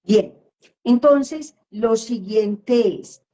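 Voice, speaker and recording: A woman therapist answering questions in a live online session, speaking slowly and emphatically and often checking in with her listener. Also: a little high, dark tone. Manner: slow, emphatic, with frequent question tags.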